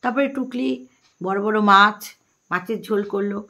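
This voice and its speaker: A woman's voice: mid-range voice, normal speed, sharp tone. A woman vlogger with a Bengali accent, gossiping and mocking the people she talks about directly to her viewers. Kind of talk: gossipy commentary vlog.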